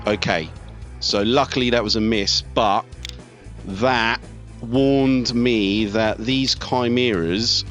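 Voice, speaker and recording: A let's play host gives casual live commentary on a game, thinking aloud as he works through his tactics. His voice is lowish with a fairly bright tone. Video game music, artillery fire and vehicles fill the background.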